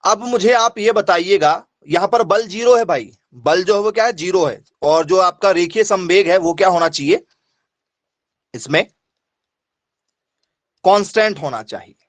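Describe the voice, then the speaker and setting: A male teacher with a fairly high voice runs an online class, repeating each point and firing questions at his students. His voice is recorded dry and close, with no room echo. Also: unhurried, long pauses. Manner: repetitive, quizzing students, asks for yes or no replies.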